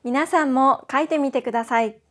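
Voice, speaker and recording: A woman teaching a scripted beginner language lesson, drilling single syllables with slow, careful enunciation. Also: high voice.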